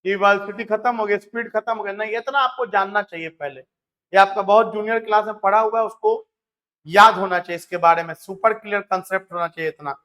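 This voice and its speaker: A man's voice: sits high, steady tone, fairly quick, lo-fi sound. A man teaching a physics lesson, asking his students questions and answering them himself, and repeating key numbers. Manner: motivational asides to students. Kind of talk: classroom physics lecture.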